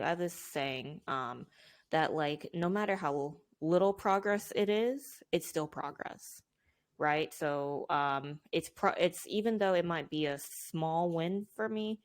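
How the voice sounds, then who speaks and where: A young woman hosting a podcast interview, chatty and casual, with lots of fillers. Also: low voice. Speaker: podcast host.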